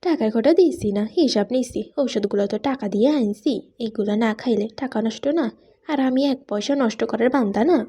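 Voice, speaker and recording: A woman reading a gruff young husband, blunt and foul-mouthed, rustic teasing talk, fairly high, husky, mellow tone, audiobook. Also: fairly quick. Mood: matter-of-fact. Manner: coarse, teasing, rustic dialect speech.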